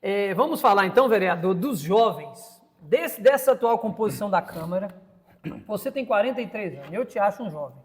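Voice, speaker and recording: A Brazilian man in his fifties, hosting and interviewing for a podcast, speaks briskly in a high voice with lively intonation. His accent is Brazilian Portuguese, and in this casual interview he's opinionated, frequently repeating words while looking for them. The setting sounds like a large hall.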